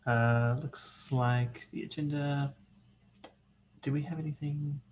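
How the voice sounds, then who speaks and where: A man's voice: fairly high pitch, fairly even intonation, takes it slowly, darkish tone. A man casually facilitating a work meeting on a call. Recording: faintly noisy meeting call.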